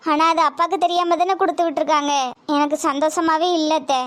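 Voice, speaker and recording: A woman's voice: high voice, fairly even intonation, fast, fairly bright tone. A woman voicing an earnest, spirited young pregnant daughter-in-law in a cartoon, speaking Tirunelveli Tamil.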